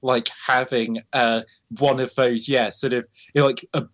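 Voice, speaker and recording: A man in his twenties talks casually, a little hesitant as he gets his words out, with a dry sense of humor. His voice has an ordinary middle pitch. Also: level tone, moderate pace, fairly bright tone. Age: 20s. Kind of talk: casual chat.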